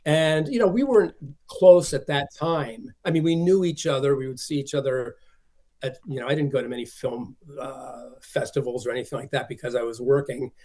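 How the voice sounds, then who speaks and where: A man's voice: medium pitch, moderate pace, warm tone. An older man, a film collector, chatting as an interview guest and telling rambling anecdotes full of acted-out quotes. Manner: rambling storyteller who acts out quoted dialogue.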